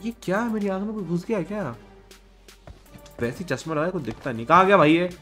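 A young gaming streamer with a high, fairly bright voice talks quickly while sick with a cold and fever. He gives casual commentary on his gameplay and scolds an enemy player over game music and gunfire.

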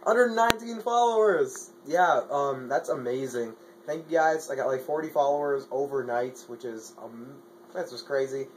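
A man's voice: medium pitch, steady tone, moderate pace, noisy background. A young man talking casually in a vlog, rambling with lots of fillers and stumbling over his words. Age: young adult. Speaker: vlogger. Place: Madison, Wisconsin, partly outdoors.

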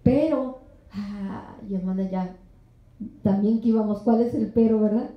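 A woman preaching a sermon at a women's conference in a church hall, animated and often acting out the voices she quotes. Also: medium pitch, unhurried, lo-fi sound. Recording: echoey room.

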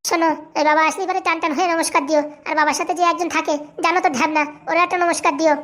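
A woman's voice: very high-pitched, flat delivery, racing, a bit bright. A woman voicing a fussy, caring mother-in-law who gives motherly instructions and warnings.

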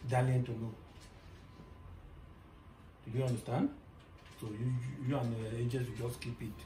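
A man's voice: mid-range voice, natural voice. A man acting a secretive father about to travel, giving the children earnest, repeated instructions in an amateur family skit. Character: secretive father leaving on a trip. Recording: echoey room with clear background noise.

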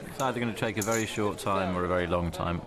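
Calm, analytical male poker commentator. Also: low-pitched, quick pace. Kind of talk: live sports commentary. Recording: crowd noise in the venue. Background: crowd noise.

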